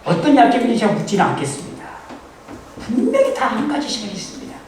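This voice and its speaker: A male pastor preaching a sermon in a church, animated and joking, now and then bursting into shouts. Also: very high-pitched, fast, noisy background. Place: church sanctuary. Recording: echoey church hall, mic from far off.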